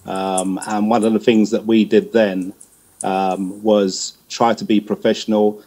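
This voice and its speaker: Here a middle-aged man, a music promoter and manager appearing as a guest, answers an interviewer conversationally in an unhurried, level, mellow voice on the low side. He hesitates, often repeating words as he gropes along.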